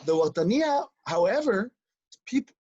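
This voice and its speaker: A man's voice: high-pitched, sing-song, a little slow, a little mellow, husky, no echo, lo-fi sound. A man speaking as a guest educator, explaining in a lecturing way that piles up example after example. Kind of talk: explanatory conversation.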